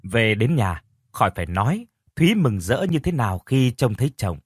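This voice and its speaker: A man narrating an audio story in a measured, dramatic reading style. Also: medium pitch, sing-song, slightly rough, no room sound, studio quality.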